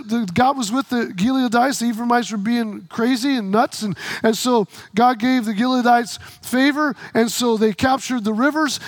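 A middle-aged man preaching a sermon, telling stories and acting out the dialogue in quick quoted voices, sometimes bursting into shouts for emphasis. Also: extremely high pitch, no room sound. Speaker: pastor.

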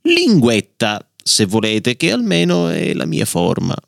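A man's voice: medium pitch, huge pitch swings, unhurried, vocal fry, no echo, studio quality, heavily acted. A man voicing a proud, touchy female leather bookmark in a storybook reading, delivered as an indignant, declamatory outburst.

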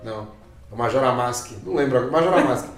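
A man's voice: mid-range voice, fairly quick. A man in casual, slangy chat, laughing often as he tells stories. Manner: slangy, laughing, animated storytelling. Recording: roomy, mic at a distance, faint music.

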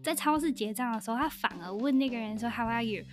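A woman hosting a casual podcast conversation, chatty and animated as she tells stories. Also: on the high side, fast, faint music behind. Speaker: podcast host.

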